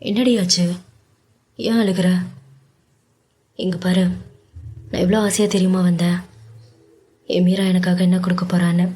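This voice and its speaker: A woman voicing an affectionate young man who coaxes and teases his love with brisk, playful talk in a storybook romance. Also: lowish voice, little pitch movement, warm tone, husky. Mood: coaxing. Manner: brisk, coaxing and teasing. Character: affectionate wealthy young man, teasing and devoted.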